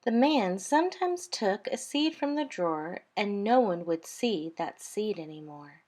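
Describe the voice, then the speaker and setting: A woman reads a rhyming children's picture book aloud in a mid-pitched voice at a slow pace. Like a storytime reader, she gives it an expressive, deliberate rhythm.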